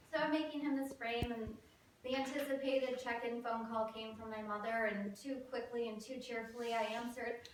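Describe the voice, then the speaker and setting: A woman's voice: on the high side, steady tone, normal speed, noisy background. Wry woman storyteller in an echoey hall. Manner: wry, self-mocking comic timing. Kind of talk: live comic storytelling. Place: theater stage with live audience. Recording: roomy, distant live stage recording.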